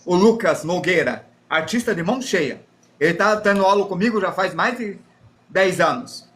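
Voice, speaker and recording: A Brazilian man with a Brazilian Portuguese accent runs a live drawing class, chatting and poking fun at himself as he explains his drawing and responds to the chat. His voice sits high and is a bit bright.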